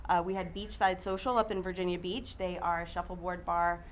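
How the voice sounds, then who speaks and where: A woman of middle pitch hosts a live sports broadcast. She sounds chatty and friendly, with a faint hiss behind her voice. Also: fairly even intonation, brisk. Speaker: studio host.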